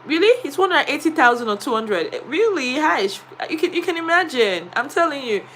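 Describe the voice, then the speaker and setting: A woman's voice: high voice, very animated, fairly quick, a bit bright, slight background noise. A woman with a Nigerian accent, a teacher, chatting on a live stream and telling a story with many fillers. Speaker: vlogger and teacher.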